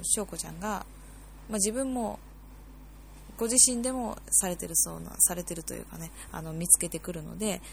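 A woman's voice: lowish voice, creaky, a little mellow, a little hiss or hum. A woman hosting a casual solo podcast, rambling with many fillers and self-corrections. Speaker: podcast host.

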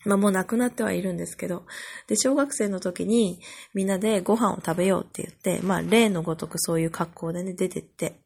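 A woman hosting a podcast, talking casually and amused at herself, her voice hoarse from overuse. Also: lowish voice, quick pace, a little mellow. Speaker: podcast host. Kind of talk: casual solo podcast chat.

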